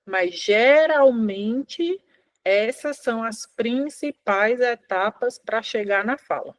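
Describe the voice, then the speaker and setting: Speech therapist, woman, animated teaching tone, dry close mic. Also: a little high, slow, no echo. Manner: animated, demonstrating with quoted parent and child lines. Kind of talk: informal online lesson for parents.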